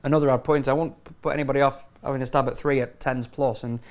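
A man's voice: mid-range voice, fairly even intonation. A man tipping bets as a racing pundit, emphatic and tripping over words now and then. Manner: emphatic, with quick stumbles. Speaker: racing pundit, betting tipster. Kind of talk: analytical chat.

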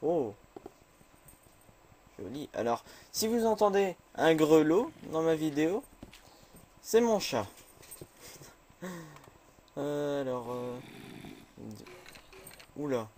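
A man chatting through a game, nervous and quick to say he is scared. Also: a little high, animated, a little mellow. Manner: jumpy, chatty, easily scared. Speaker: gamer. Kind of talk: casual let's play commentary.

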